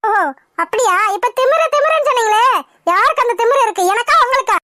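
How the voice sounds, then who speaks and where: A proud young wife from a cartoon, voiced by a woman, sulking and scolding with indignation. Her voice is squeaky and extremely high. It is dry and close to the mic. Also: fast, a bit bright, no room sound. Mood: indignant. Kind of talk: cartoon voice acting.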